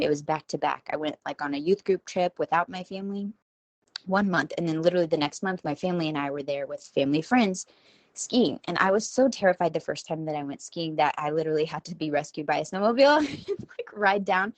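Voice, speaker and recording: A woman's voice: low voice, a little mellow, no room sound. A woman in her forties from Texas, hosting a rambling, self-deprecating solo talk from her home kitchen. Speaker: podcast host. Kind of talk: casual solo monologue.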